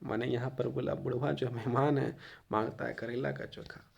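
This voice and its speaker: A male Hindi teacher who reads a textbook passage aloud and then explains it in casual spoken Hindi, often pausing on filler phrases and sometimes coughing. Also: mid-range voice, little pitch movement, gravelly, slightly rough. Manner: occasional coughs. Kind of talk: reading and explaining a textbook chapter.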